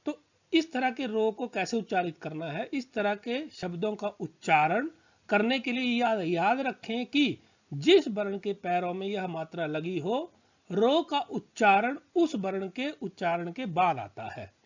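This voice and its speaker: Man, slow-paced teacher, patient and repetitive, slightly dull lo-fi recording. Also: sits high, very animated. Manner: patient, repeats words and checks understanding. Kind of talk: slow spoken grammar lesson.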